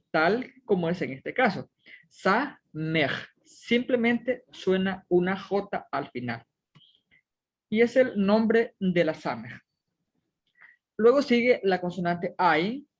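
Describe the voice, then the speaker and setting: Woman, teacher, slow step-by-step delivery, mid-pitched voice, muffled lo-fi recording. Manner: methodical, sounds out each syllable carefully. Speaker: Hebrew teacher. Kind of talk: slow step-by-step lesson on letters and syllables.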